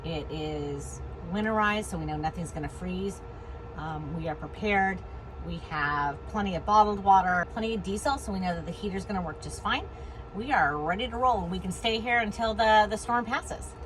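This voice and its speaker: Poor audio captures a woman's mid-range voice at normal speed, chatting informally for a travel vlog in a camper van and repeating herself for emphasis. The background carries steady noise, vehicle ambience, and hail outside.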